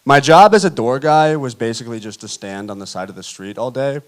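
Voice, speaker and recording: A young man performing a self-deprecating stand-up set on a theater stage, telling stories in a deadpan way. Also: mid-range voice, fairly quick. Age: young adult. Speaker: stand-up comedian. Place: theater stage before a live audience. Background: audience laughter.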